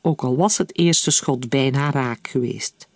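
A man narrating an audiobook in a calm, even storytelling manner. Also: medium pitch, unhurried, no echo, studio quality.

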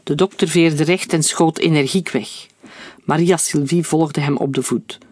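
A man reading a story aloud in a steady, clear narrating voice. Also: on the high side, a little slow, dry recording.

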